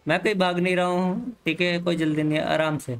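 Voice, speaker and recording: A man with an Indian accent streaming a game live, talking casually with viewers, mixing Hindi and English and telling the chat to calm down. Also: high voice, a little fast, clean tone, poor audio. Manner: easygoing, mixes Hindi and English, calms the chat. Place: home room, hot.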